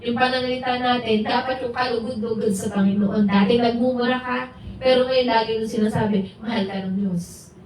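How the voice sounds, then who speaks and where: A woman's voice: a little high, steady tone, fairly quick, darkish tone. A woman giving an informal, conversational sermon at a house church, mixing in English words and acting out what friends say. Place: house church gathering room. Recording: very echoey room, distant mic, faint hiss.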